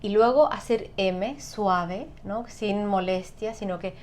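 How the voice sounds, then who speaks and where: A woman guest on an interview, explaining calmly and often adding tag questions. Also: mid-range voice, takes it slowly, slight background noise. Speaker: sound therapist guest. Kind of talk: conversational interview.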